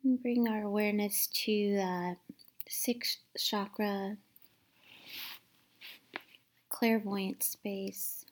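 A woman leading a guided meditation in a soft, soothing, unhurried manner, with long pauses between instructions. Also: mid-range voice, fairly even intonation. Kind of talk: guided meditation, instructing listeners to relax and breathe.

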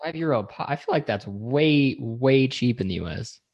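A man's voice: medium pitch, lively intonation, moderate pace, dull audio. An American man interviewing a guest in casual chat, chiming in with agreeable, teasing remarks.

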